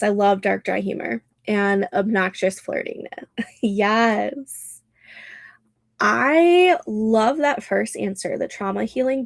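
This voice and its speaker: In a clean, studio-quality recording with no room sound, a woman's gravelly, medium-pitched voice comes through. She's in her thirties, hosting a relaxed livestream, sounding nasal and congested as she chats, laughs often and reads comments out loud.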